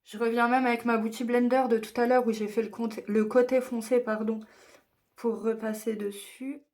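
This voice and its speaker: A woman's voice: a little high, flat delivery, moderate pace, a little mellow. Chatty young woman giving a makeup tutorial. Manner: chatty, self-deprecating, walks through each step. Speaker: beauty vlogger.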